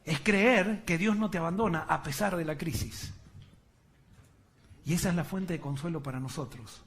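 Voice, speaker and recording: High-voiced man preaching a sermon. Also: normal speed. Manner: rhetorical questions answered by himself; storytelling with acted quotes. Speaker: pastor.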